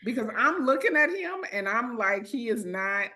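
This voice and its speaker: Lively, sarcastic woman in casual talk. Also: a little high. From Texas. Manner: sarcastic, emphatic, quick to joke. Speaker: podcast co-host. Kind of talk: casual political chat.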